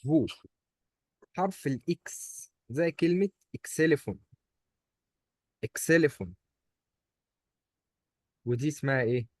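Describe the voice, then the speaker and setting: A man's voice: fairly high pitch, animated, measured pace, long pauses, no room sound, studio quality. A man with an Egyptian Arabic accent, teaching German pronunciation one-on-one, patiently repeating each word for his student. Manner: patient, drills words by repeating them.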